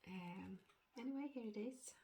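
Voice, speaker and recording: A woman with a cold, sounding a little nasal, giving a casual stitching update vlog with many hesitant fillers and throat-clearing. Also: medium pitch, normal speed, very noisy. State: has a cold, slightly nasal. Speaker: cross-stitch vlogger.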